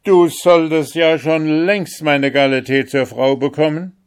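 A man voicing an old emperor in a fairy tale, loud and proclaiming. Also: medium pitch, slow, pitched above the performer's own voice. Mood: delighted. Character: old emperor, commanding and jovial.

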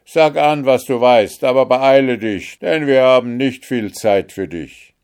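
A man voicing a crowd of rough old gate guards who shout and jeer, loud and impatient, in a storybook reading. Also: medium pitch, a little slow, pitched above the performer's own voice, close to an everyday voice. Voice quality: rough, barking.

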